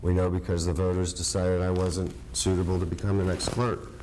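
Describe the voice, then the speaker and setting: A man speaking as an official in a government meeting, halting and hesitant, with a quiver in his voice. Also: low-pitched, level tone, darkish tone, a little hiss or hum, low-quality recording. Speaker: county official. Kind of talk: unscripted formal remarks at a government meeting. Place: indoor government meeting room.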